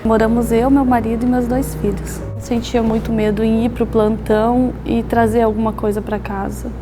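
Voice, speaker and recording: A woman in her thirties speaks with a Brazilian accent. Her voice is fairly high but held flat, matter-of-fact and steady. She is a health worker in a documentary interview, with clear music behind her. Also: moderate pace. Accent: Brazilian Portuguese. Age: 30s.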